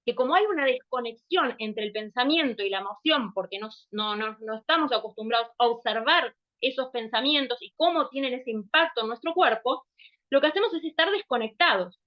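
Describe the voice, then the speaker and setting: A woman in her fifties with a Rioplatense accent and a high, bright-sitting voice talks to camera in an earnest vlog. She explains step by step, poses rhetorical questions and often stops to restart a phrase. The recording sounds dull and muffled. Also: lively intonation, fairly quick. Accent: Rioplatense Spanish. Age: 50s. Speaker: holistic wellness speaker.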